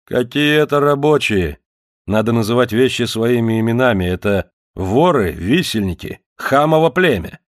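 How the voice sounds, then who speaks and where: A man's voice: medium pitch, animated, normal speed, dry recording, studio quality, lightly acted. A man voicing a bullying, suspicious Cossack officer who barks commands and interrogates in an audiobook. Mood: interrogating. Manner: barking commands, harsh and interrogating.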